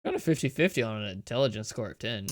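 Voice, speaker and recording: A man's voice: mid-range voice, wildly swooping pitch, no room sound. Dry-miked man running the game. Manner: casual, laughing, halting with fillers. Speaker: game master.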